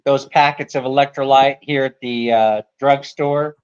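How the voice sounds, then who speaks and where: A man's voice: medium pitch, fairly even intonation, a little slow, clean tone. Chatty man, dull lo-fi sound. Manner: chatty, jokey, laughs often. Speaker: live stream host. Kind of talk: casual chat.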